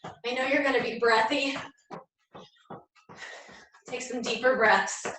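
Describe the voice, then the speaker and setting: Female gym coach, bright, forceful voice, leading circuits from off mic in a very echoey room. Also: a little high, fairly even intonation, slow. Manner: gym coach cueing and encouraging. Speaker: fitness instructor leading a circuit workout. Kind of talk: live workout class coaching. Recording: echoey room, distant mic, faint noise.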